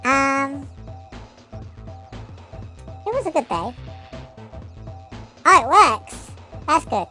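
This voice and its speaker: A woman talking casually while streaming, her voice run through a high chipmunk-like voice changer, chatty and self-amused. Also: sing-song, extremely slow, long pauses, pushed and bright, soft background music. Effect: high chipmunk-like voice changer filter. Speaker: streamer testing voice effects.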